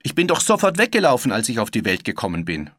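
A man's voice: fast talker, no room sound, studio quality. A man voicing Peter Pan, a cheeky carefree boy who refuses to grow up, in a storybook reading. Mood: defiant, excited. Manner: high, loud and excited.

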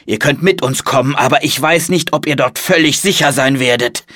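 A man's voice: medium pitch, normal speed, fairly bright tone, dry recording, studio quality, voice pushed up, natural voice. A man voicing an earnest, commanding monk leader in an audiobook story. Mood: urgent.

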